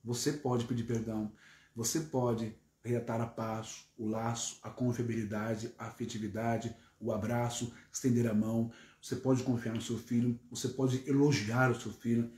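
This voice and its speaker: A man's voice: medium pitch, little pitch movement, normal speed, a little mellow, echoey room. A man with a Brazilian Portuguese accent preaching a sermon, emphatic and stacking long repetitive lists.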